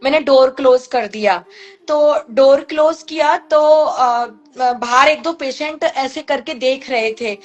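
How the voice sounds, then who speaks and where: A woman's voice: sits high, takes it slowly, lo-fi sound, soft background music. A woman earnestly recounting a personal family story, acting out the voices of the people she quotes.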